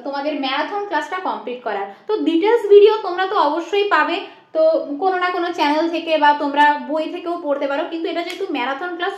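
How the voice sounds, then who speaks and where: A woman with a West Bengal accent delivers a rapid, very high-pitched exam-prep lecture. She keeps asking rhetorical questions and checking that her students follow. The room around her is echoey. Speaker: teacher.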